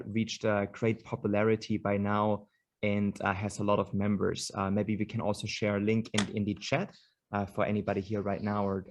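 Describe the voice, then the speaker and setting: A man hosting an online panel over a video call, introducing speakers with many hesitations and fillers. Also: fairly low pitch. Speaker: host.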